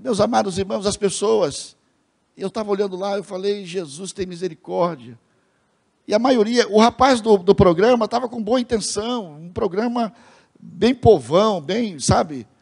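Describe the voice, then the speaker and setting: His voice sits high and creaky at a normal speed as this Brazilian pastor, speaking with a Brazilian Portuguese accent, tells a story during his sermon. He brings it to life by imitating the characters' voices in quotes, calling his congregation brothers.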